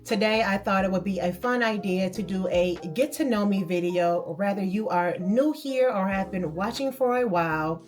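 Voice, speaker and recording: A woman's voice: medium pitch, moderate pace, few pauses, soft background music. A woman in her late thirties from Michigan, chatting casually and upbeat to camera as a beauty vlogger who calls her viewers babes and girl. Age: 30s.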